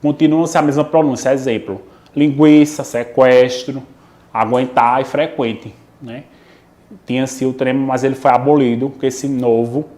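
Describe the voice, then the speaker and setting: A male teacher with a Brazilian Portuguese accent from Pernambuco gives a recorded online lesson. He talks in an explanatory way, often checks in with "né?" and "ok?", and slows down to draw out each example word. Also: medium pitch, a little mellow. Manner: explanatory, frequent "né?" and "ok?" check-ins, drawn-out example words.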